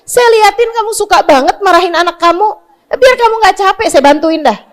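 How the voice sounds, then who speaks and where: A woman's voice: very high-pitched, animated, fairly quick. A woman preacher voicing a meddling, smug neighbor woman in a mocking, self-righteous tone.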